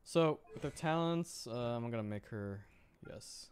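This male VTuber chats casually while gaming on stream, muttering his thoughts aloud as he plays. He has a smooth, mid-range voice that is expressive and unhurried.

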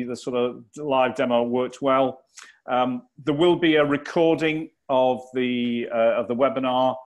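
Halting Geordie man hosting a webinar. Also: mid-range voice. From North East England. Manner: halting, many fillers and restarts. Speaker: webinar host. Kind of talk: corporate webinar wrap-up.

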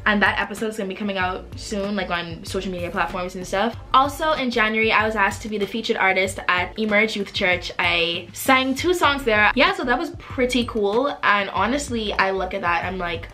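A young woman from the Bahamas, vlogging to camera from her bedroom in a casual, animated way. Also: mid-range voice, brisk, hardly any pauses, faint music behind. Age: young adult. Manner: animated, expressive, gestures a lot while talking. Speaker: vlogger and singer-songwriter. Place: bedroom with desk and shelves, indoors.

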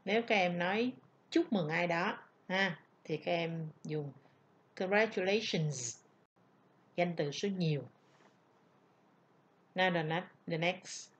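Modeling each word carefully and repeating it, a female English teacher with a Vietnamese accent, Vietnamese being her native language, teaches vocabulary online. Her voice sits on the low side.

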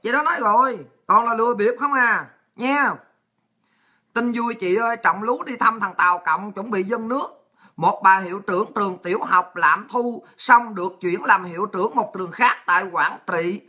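Woman, Southern Vietnamese accent, livestream host, crude ranting, piercing bright voice, mid pitch. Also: normal speed, slightly rough. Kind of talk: angry livestream rant, reading viewer messages.

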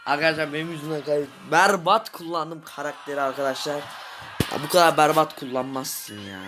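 A young man giving excitable live commentary over his own gameplay, shouting at goals and groaning at misses. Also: on the high side, brisk. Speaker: gaming video host. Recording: game music playing behind.

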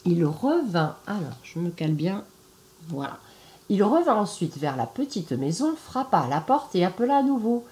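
A woman's voice: fairly low pitch, big pitch swings, normal speed, warm tone. A woman reading a fairy tale aloud to children, standing, with chatty asides to her young listeners. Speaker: storyteller. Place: indoors at home, standing.

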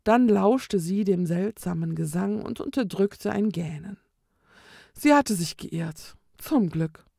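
Slow, gravelly woman reading a storybook. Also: mid-range voice, no echo, clean studio sound. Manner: calm, measured storytelling. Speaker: storybook reader. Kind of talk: reading a children's book aloud.

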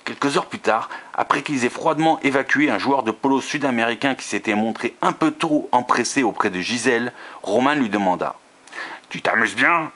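A man reading a romance novel aloud, steady, with occasional slips and restarts. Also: mid-range voice, a little fast, few pauses.

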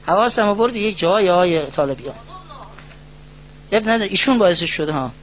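A man preaching a religious lecture with passion, going from hushed to raised and reciting poetry and prayers. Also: sits high, lively intonation. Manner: impassioned, swings between hushed and raised. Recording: dull lo-fi recording.

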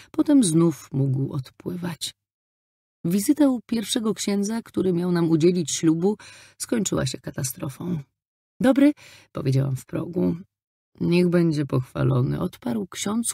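A young adult woman narrating a first-person novel as an audiobook, lively and a little ironic. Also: low-pitched, creaky, slightly rough, no room sound, clean studio sound.

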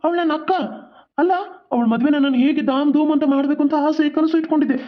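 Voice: mid-range voice, dull audio, close to an everyday voice. A voice actor playing a hot-tempered adult son in a cartoon, scolding his mother in a reproachful way. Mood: angry. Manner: rapid-fire, reproachful. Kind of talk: cartoon voice acting.

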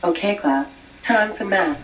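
A female computer voice playing a strict preschool teacher, flat and synthetic, heard from afar. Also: medium pitch, unhurried, natural voice. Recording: distant, faint room noise.

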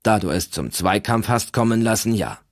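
A man's voice: fairly low pitch, animated, moderate pace, no echo, clean studio sound, natural voice. A man reading aloud, voicing a stern, stubborn old Norse woman who speaks unmoved.

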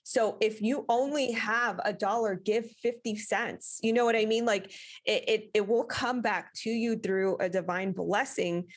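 A woman podcast host talking casually about faith and giving. She winds through her points with many fillers and restarts. Her voice sits at a middling pitch for a woman. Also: fairly even intonation, unhurried, breathy edge. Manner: meandering, many fillers, explanatory. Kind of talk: casual faith-based talk.

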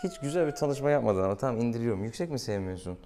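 Presenting a clinic video, a male veterinarian playfully teases an animal in a small exam room and chats casually with the pet and viewers. His medium-pitched voice is animated, rapid-fire and dark in tone, against clear room noise.

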